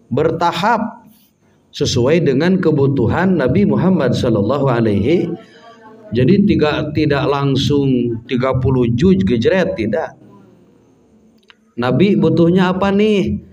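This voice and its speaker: Slow-talking Sundanese-accented preacher. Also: male voice, mid-range voice, a little mellow. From West Java, Indonesia. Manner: unhurried, chatty, mimics local dialects. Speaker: Islamic preacher. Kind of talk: religious study lecture. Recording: distant mic, dull lo-fi sound, faint background hum.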